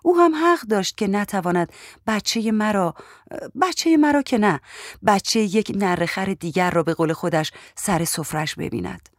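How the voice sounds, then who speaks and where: A woman's voice: mid-range voice, animated, no room sound, studio quality. A woman reading a story aloud in the first person, in a conversational, plainspoken telling. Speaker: audiobook reader.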